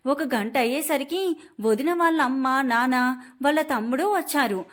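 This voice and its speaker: Woman reading out a family story, high voice, earnest and dramatic. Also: moderate pace. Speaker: story narrator. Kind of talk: scripted first-person storytelling.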